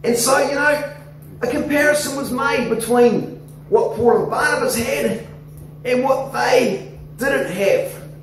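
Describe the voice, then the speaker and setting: A man in his forties with an Australian accent, preaching an animated sermon into a handheld microphone in a church hall. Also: very high-pitched, takes it slowly, gravelly. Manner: animated, gesturing, coaxing the congregation. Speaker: pastor. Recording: echoey hall, somewhat distant, faint noise.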